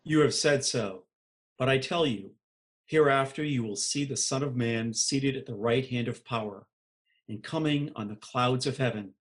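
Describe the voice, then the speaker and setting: A man reading the part of Jesus on trial in a dramatized scripture reading, calm and quiet. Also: medium pitch, normal speed, lightly acted.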